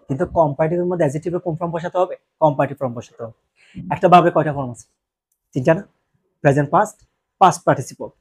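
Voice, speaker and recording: A man's voice: a little high, darkish tone, husky. A Bangladeshi man teaching English grammar in Bengali, who keeps asking questions and answering them himself, with joking asides. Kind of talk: classroom lecture.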